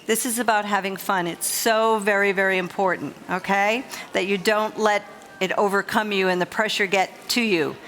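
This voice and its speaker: A woman acting as a competition official gives informal, encouraging instructions to a group of finalists in a live hall with crowd noise. Her medium-pitched, fairly bright voice keeps a fairly even intonation at a normal speed.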